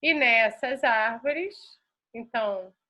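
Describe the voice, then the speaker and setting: A Brazilian woman teacher giving a school lesson, explaining slowly and reading a text aloud with marked intonation. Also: on the high side, animated, bright, forceful tone. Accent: Brazilian Portuguese. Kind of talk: recorded classroom lesson.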